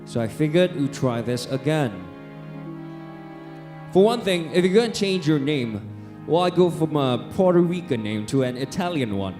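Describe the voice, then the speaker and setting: A man acting a calm, probing director who questions a dancer during an audition scene on a theater stage. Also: fairly high pitch, moderate pace, music in the background, lightly acted. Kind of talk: stage dialogue.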